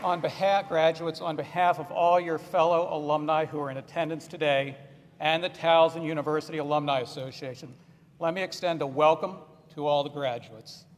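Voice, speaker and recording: A man in his sixties speaks to graduates from a podium, plain and conversational, with a lightly self-deprecating tone. His voice sits a bit high for a man, and it echoes with a long tail through a big hall. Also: steady tone, fairly quick, slight background noise. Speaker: alumni association speaker. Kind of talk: commencement address. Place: large ceremony hall.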